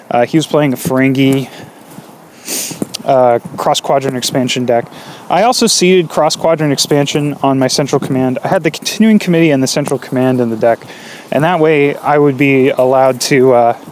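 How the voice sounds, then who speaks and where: Rambling podcast host on low-quality audio. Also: male voice, a little mellow, slight background noise. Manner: rambling, hesitant, many fillers. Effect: low-quality audio, recorded while walking outdoors. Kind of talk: casual solo podcast chat. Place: outdoors, walking a dog.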